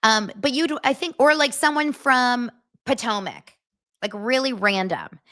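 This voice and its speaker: An American woman hosts a casual pop-culture podcast, chatty and giggly, often laughing at herself. Her voice is a little high, bright and forceful, with lively intonation and an unhurried pace.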